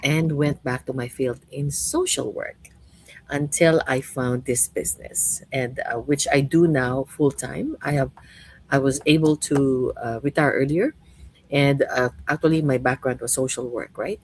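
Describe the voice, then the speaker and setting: A woman's voice: rumbling low, fairly even intonation, a little slow, breathy edge, low-quality recording. A middle-aged woman from the Philippines hosting a podcast chat as a coach, chatty and full of "you know" and "right?" tags. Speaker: host and coach.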